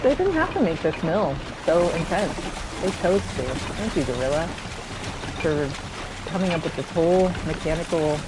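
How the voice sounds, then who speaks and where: A woman streaming a game from her home setup, chatting in a rambling way and thinking out loud into a desk microphone. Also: lowish voice, lively intonation, moderate pace, heavy background noise. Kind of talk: casual chat while gaming.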